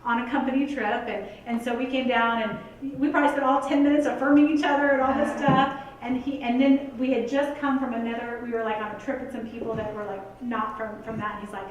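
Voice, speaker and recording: An earnest woman delivers a motivational talk in a chatty, direct way. Her fairly high voice carries through a big, echoey hall and is picked up from a distance. A faint room hum sits under it. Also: steady tone, a little fast, few pauses, highs cut off. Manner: earnest, conversational, heavy use of "like" and "you guys". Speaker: motivational speaker. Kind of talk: motivational talk to a live audience.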